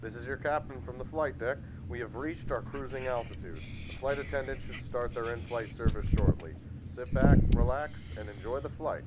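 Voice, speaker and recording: A man's voice: medium pitch, moderate pace, hardly any pauses. Captain's cabin announcement in a game, a guy doing it, polite and scripted, lots of noise behind. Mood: calm. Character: male airline captain making cabin announcements. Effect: plane cabin announcement played in a game. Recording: loud game background noise.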